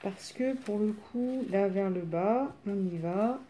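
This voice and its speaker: A woman with a smoker's rasp chatting casually through a craft demonstration in a rambling, self-deprecating way. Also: mid-range voice, slow, warm tone, a little hiss or hum. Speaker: craft tutorial presenter.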